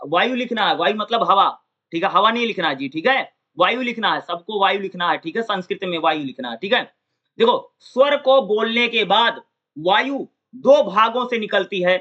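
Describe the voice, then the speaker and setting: A man teaching an exam-prep lecture, repeating points and quizzing his listeners with quick questions. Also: high voice, sharp tone. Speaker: exam tutor. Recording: dull lo-fi sound.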